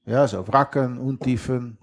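An unhurried, mid-range male voice belongs to a middle-aged lifelong sailor from the western Netherlands. Appearing as a guest in a casual interview, he speaks straightforward German with grammar errors and a pronounced Dutch accent.

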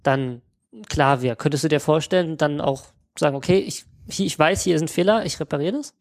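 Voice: medium pitch, brisk. An interviewer in a casual talk, asking long questions that restart along the way.

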